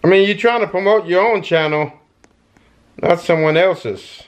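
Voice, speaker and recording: A middle-aged man giving casual gameplay commentary into a headset mic, breaking into excited shouts and yelps. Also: high-pitched, a little slow. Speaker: gaming YouTuber. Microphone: gaming headset.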